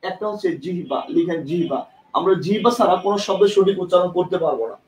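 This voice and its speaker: A man with a high voice and quick pace teaches an online exam-prep class, frequently repeating himself and putting questions to students. He demonstrates with his tongue and lips, picked up by a camera mic in a classroom with a board.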